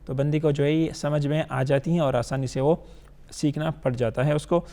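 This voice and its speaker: A man teaching Quran recitation, patiently explaining and sounding out letters slowly, checking often that students follow. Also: on the high side, steady tone, dark tone. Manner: drawn-out letter drills, checks understanding often. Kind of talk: instructional lesson.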